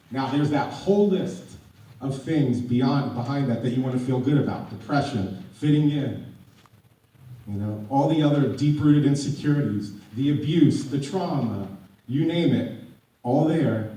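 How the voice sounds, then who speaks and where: Speaking at a community panel, a U.S. addiction counselor with a dark, mid-range voice struggles as his voice gives out. He frequently starts his sentences over and becomes increasingly forceful, captured from afar in a reverberant room.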